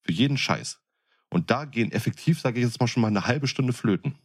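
Husky and animated, the man speaks briskly at medium pitch, hammering home his opinion in coarse, emphatic slang. He's a podcast co-host with years as a window fitter, arguing in a laid-back chat.

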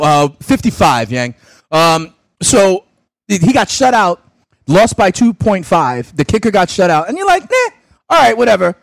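Opening gifts on his fantasy sports radio show, a young host chats in a casual, animated way, exclaiming and speaking through a full mouth. His voice sits on the high side, and the recording is dry.

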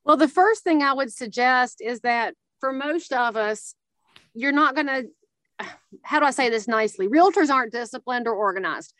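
A woman's voice: sits high, animated, normal speed, a bit bright, no echo. A woman with a Southern American accent giving conversational coaching in a blunt, folksy, emphatic way. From Southern United States. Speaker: social media coach for realtors, guest.

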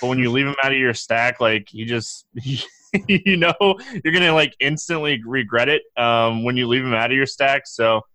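A man co-hosting a casual sports podcast, talking in a halting way with many fillers and restarts. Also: mid-range voice, bright, forceful tone, no echo. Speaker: co-host.

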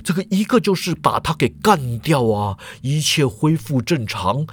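A man voicing a grave older male professor who speaks slowly and quietly. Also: sing-song, husky, dry recording, exaggerated voice. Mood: wry. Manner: low, slow, subdued.

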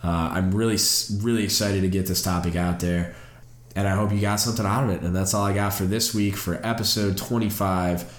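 A podcast host with a low, fairly even voice talks fairly quickly in a roomy-sounding recording. Stuffed up and congested from a cold, he sounds nasal while giving earnest, encouraging solo mentoring talk.

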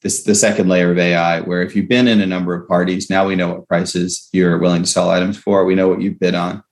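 A man's voice: low-pitched, flat delivery, a little fast. A man speaking as a startup founder in a conversational interview, explaining step by step and checking in with "right?" and "okay?".

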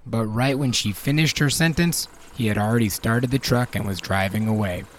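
A man's voice: on the low side, moderate pace, a little hiss or hum. A man narrating a scripted story as the narrator between acted scenes.

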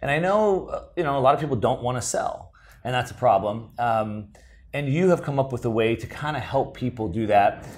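A man's voice: mid-range voice, lively intonation, brisk, a little mellow. A man hosting a podcast interview at a conference, friendly and chatty, with plenty of "um" and "so". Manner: friendly, chatty, many "um" and "so" fillers. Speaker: podcast host. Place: conference venue.

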